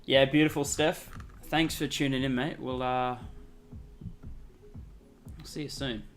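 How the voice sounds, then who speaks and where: A man's voice: mid-range voice, fairly even intonation, a little slow, faint music behind. A man hosting a day trading livestream, chatting casually with viewers while reading charts. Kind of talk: casual live-stream commentary.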